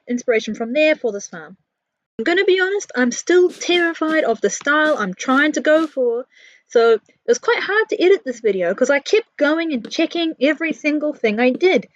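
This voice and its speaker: A woman with a high voice and a New Zealand accent narrates a gaming build vlog as its video creator, casual, chatty, candid and self-deprecating. The sound is lo-fi with no room sound.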